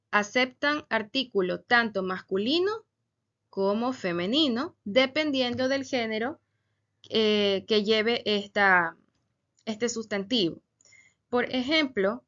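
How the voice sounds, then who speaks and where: Bright-voiced woman teaching a grammar lesson. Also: a little high, highs cut off. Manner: slow, deliberate, stresses example words. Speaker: Spanish teacher.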